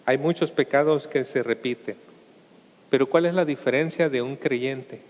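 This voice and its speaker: A man preaching a Sunday sermon as a pastor, addressing his listeners as brothers and asking them rhetorical questions. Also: medium pitch. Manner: asks the congregation rhetorical questions. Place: church sanctuary. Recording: reverberant church hall.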